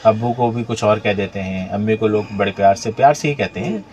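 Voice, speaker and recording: A man's voice: lowish voice, a little mellow, slight background noise. A man hosting a radio talk show, asking questions conversationally and affirming his guest often. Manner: conversational, asks questions with many affirming interjections.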